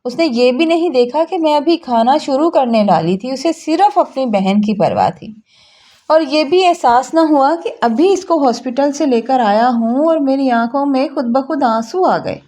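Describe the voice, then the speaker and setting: Plaintive woman storyteller, mellow voice. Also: high voice, expressive, moderate pace. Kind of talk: emotional first-person story narration.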